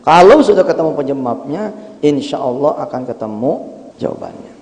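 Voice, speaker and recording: A middle-aged man preaching a sermon, moving between chanted Arabic recitation and animated everyday talk. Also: medium pitch, a little fast. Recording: long hall reverb.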